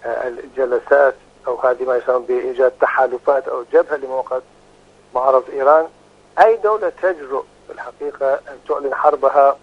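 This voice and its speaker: A man heard down a thin, phone-like line as the expert guest on the show. He speaks at a middle pitch and gives measured, emphatic analysis, pausing often to hesitate.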